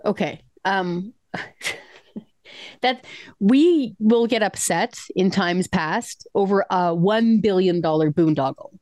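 A woman's voice: mid-range voice, slow pace, a little mellow, no room sound. A Canadian woman hosts a talk interview, reacting with incredulous, exasperated questions. Her mid-range voice comes across dry and close, with no room sound. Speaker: radio show host. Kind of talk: casual radio interview.

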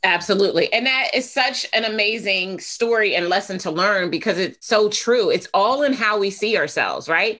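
Woman, mid-pitched, emphatic motivational talker, casual chat. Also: pushed and bright. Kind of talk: casual conversation about business.

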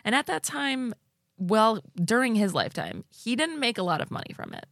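A woman's voice: a little high, wildly swooping pitch, moderate pace, vocal fry, fairly bright tone, no room sound, studio quality. A woman co-hosting a podcast recorded in an attic, telling a story in a casual, informal way. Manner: informal, swearing. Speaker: podcast co-host.

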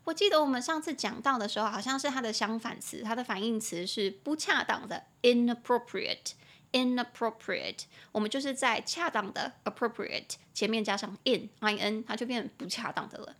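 Taiwanese lady doing an english lesson podcast, chatty, spells words out slow, drills syllables. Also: fairly high pitch, a bit bright. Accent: Taiwanese Mandarin. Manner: chatty, opinionated asides. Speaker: podcast host and English teacher.

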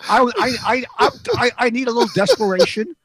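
A man's voice: very high voice, sing-song, fast talker, fairly bright tone, slight background noise. A man with a Brooklyn accent bantering as a sports talk host, speaking in emphatic, short, punchy phrases. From New York, USA.

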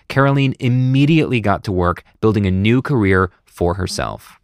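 An American podcast host with a lowish voice reads a scripted intro, then chats casually and self-deprecatingly with his guest. The recording is dry, with clean studio sound.

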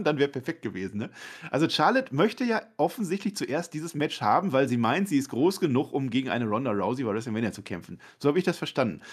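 A man's voice: mid-range voice, slightly rough. A man co-hosting a casual wrestling podcast, bemused and puzzled as he picks apart a storyline. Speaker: podcast co-host. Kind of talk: casual wrestling recap chat.

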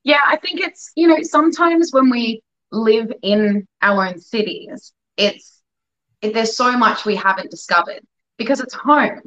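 A woman's voice: fairly high pitch, unhurried, a bit bright, dull audio. A woman talking casually as an interview guest. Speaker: interview guest, fashion stylist.

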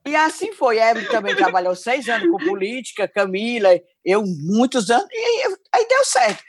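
An older woman journalist with a Ceará accent, chatting as a podcast guest with playful self-mockery and expressive intonation. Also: fairly high pitch, normal speed, slightly rough. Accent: Ceará, Brazil. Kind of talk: casual chat.

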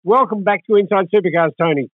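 High-voiced man in his seventies, phone-like sound. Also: quick pace, no room sound. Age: 70s. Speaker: interview host. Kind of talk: conversational radio interview. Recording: thin, tinny phone-like line.

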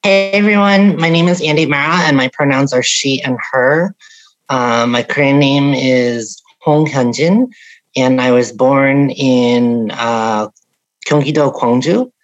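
An advocacy director from upstate New York speaks on a panel in an extremely low voice at a measured pace, and the sound is lo-fi. She comes across as thoughtful and hesitant, saying "um" a lot.

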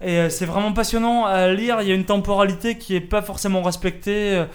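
A man's voice: high voice, fairly even intonation, a little fast. A man co-hosting a casual roundtable podcast, rambling along with lots of fillers and restarts. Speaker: podcast co-host.

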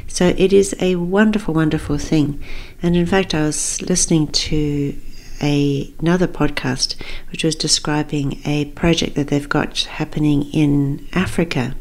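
A Zambian woman hosts a podcast as a singing teacher, speaking informally in a gentle, encouraging and friendly manner. Her voice sits low and has vocal fry.

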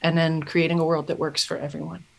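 A middle-aged woman, a podcast guest, telling her story in an earnest, thoughtful way, often pausing and restarting a thought. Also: low voice, flat delivery, gravelly. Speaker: podcast guest, self-mastery mentor. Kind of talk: reflective personal storytelling.

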